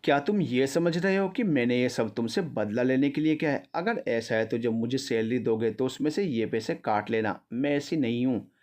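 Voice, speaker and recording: A man's voice: medium pitch, moderate pace, hardly any pauses, darkish tone, close to an everyday voice. A man voicing a playful young woman who teases her boyfriend and turns indignant when caught out. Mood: teasing. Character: young woman office worker, playful girlfriend.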